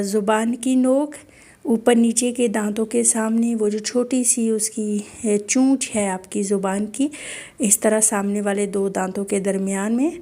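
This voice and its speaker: A woman teaching Quran recitation online, explaining each sound patiently and modelling words slowly again and again. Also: medium pitch, dark tone. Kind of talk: online tajweed lesson.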